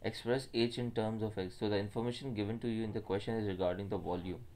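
Man, Pakistani accent, lowish pitch, maths tutor, step-by-step explanation, Urdu mixed into English. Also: steady tone, fast, a little mellow. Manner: mixes Urdu phrases into English. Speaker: maths teacher.

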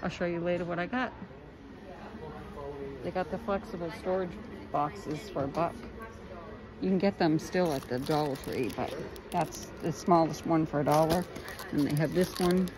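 This woman's voice sits low and moves at a moderate pace, pausing often. She's casually narrating a shopping vlog while walking through a large store with her phone camera, mentioning prices over the noisy surroundings.

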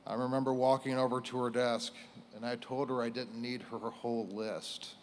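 A middle-aged American man speaks at a funeral in a medium-pitched voice. His delivery is solemn and formal, broken into short, measured phrases. He is on a lectern microphone on a stage, with some noise behind him. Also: level tone, a little mellow. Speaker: police chief giving a eulogy. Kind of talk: formal prepared funeral speech.

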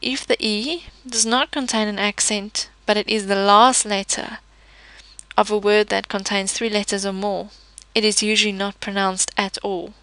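A woman's voice: mid-range voice, fairly even intonation, moderate pace, fairly bright tone, dry recording, poor audio. A woman teaching a pronunciation lesson, patiently explaining each letter with example words. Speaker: language teacher. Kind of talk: slow, careful pronunciation lesson.

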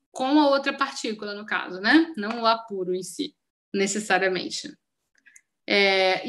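A woman's voice: a little high, fairly bright tone. A woman with a Brazilian Portuguese accent giving a casual live-stream language lesson, chatty and full of examples, often checking that viewers follow. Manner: chatty, explains with many examples and check-ins. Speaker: Japanese teacher.

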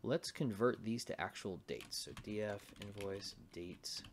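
At a measured pace and a fairly low pitch, a man talks through an informal coding session, muttering as he types and reasoning aloud. Background noise is present.

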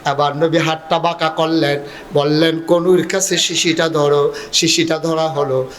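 A man preaching at a religious gathering, telling a story in a sing-song sermon manner with sudden high rises. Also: level tone, a little slow, fairly bright tone, a little hiss or hum.

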